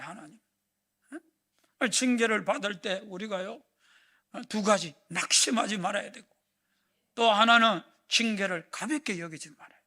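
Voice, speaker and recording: Gravelly high-voiced pastor preaching. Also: male voice. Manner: impassioned preaching that swings from shouts to hushed whispers. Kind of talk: sermon. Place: church sanctuary.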